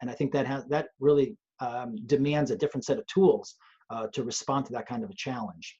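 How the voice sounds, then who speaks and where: A man's voice: medium pitch, fairly even intonation, brisk, mellow, breathy edge, lo-fi sound. A man, a police trainer, talking earnestly and thoughtfully on a webcast, often restarting his sentences. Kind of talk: conversational webcast talk. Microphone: video call.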